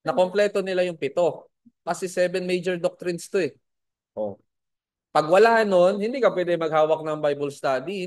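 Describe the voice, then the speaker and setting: A man teaching a Bible school lesson to a class, spelling out words and asking his students questions. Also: on the high side.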